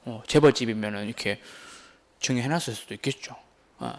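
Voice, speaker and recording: A man teaching a real estate exam class, lively and teasing as he keeps putting questions to his students. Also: medium pitch, fairly quick. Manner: animated, teasing, asks the class many questions.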